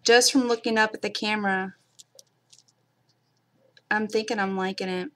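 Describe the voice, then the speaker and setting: During her live craft stream, a middle-aged woman from Kentucky chats casually with her audience in a mild Kentucky accent. Her medium-pitched voice is fairly bright, with fairly even intonation and normal speed, and she talks chattily to those in the chat.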